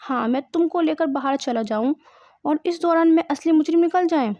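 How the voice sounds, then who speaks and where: A woman's voice: sits high, a little mellow, no echo, dull audio. A woman reading the lines of a stern, threatening male soldier leader in a play, giving curt commands. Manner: curt commands, read from a script.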